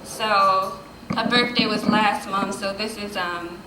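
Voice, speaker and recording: A woman's voice: medium pitch, steady tone, takes it slowly, background noise. A woman, performing spoken word poetry at a poetry café with impassioned, rhythmic repetition. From the Bronx, New York. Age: 20s. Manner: impassioned, rhythmic, repeating lines for emphasis. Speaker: poet at an open mic. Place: poetry café reading room. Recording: echoey room with faint ambience.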